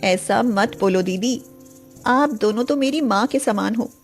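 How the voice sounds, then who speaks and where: Casting: woman voicing a high-pitched, soft-hearted poor young sister, pleading, storybook. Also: a little slow, soft background music. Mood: gentle. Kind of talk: storybook voice acting.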